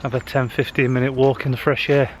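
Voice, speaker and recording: Casting: man vlogging on a walk, a bit winded, mid pitch, faint outdoor hiss. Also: level tone, fast talker. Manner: chatty, with frequent "uh" fillers. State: slightly out of breath walking uphill. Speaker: social media marketing vlogger. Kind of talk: casual walking vlog. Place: outdoors on a wooded hill path. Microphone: handheld camera.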